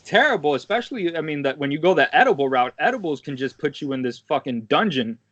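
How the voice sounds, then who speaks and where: A man's voice: a little high, lively intonation, quick pace, a bit bright, no room sound. A man in his twenties talking casually on a podcast, rambling and checking in with "right?" and dropping the odd swear word. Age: 20s. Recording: dull, dry lo-fi audio.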